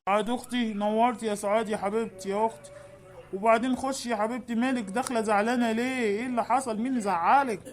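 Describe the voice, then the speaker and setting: A woman's voice: on the high side, steady tone, racing, background noise, voice pushed down, lightly acted. A woman voicing a grown husband who keeps the peace, soothing and reasoning with an Egyptian accent. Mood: placating. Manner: soothing, reasoning, calls people darling. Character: husband Hussein, grown man, placating peacemaker.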